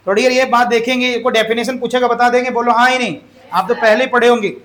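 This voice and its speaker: A man's voice: very high voice, fairly even intonation, fast talker, fairly bright tone. A man teaching an English grammar lesson, firing questions at the class and having them repeat the answers. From Jharkhand, India.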